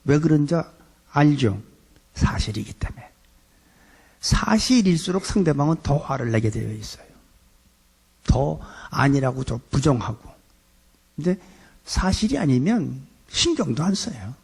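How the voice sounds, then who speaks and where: A middle-aged man preaching a sermon in a gravelly, slightly husky voice. His tone is dark and mellow. He talks to the congregation like a conversation and acts out quoted voices along the way. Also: on the high side, sing-song, normal speed. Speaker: pastor.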